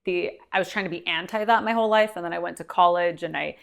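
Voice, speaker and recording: Frank young woman with a gravelly low voice. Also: quick pace. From Glendale, California. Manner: frank, reflective, with frequent "like" fillers. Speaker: guest, adult performer. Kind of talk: candid interview conversation.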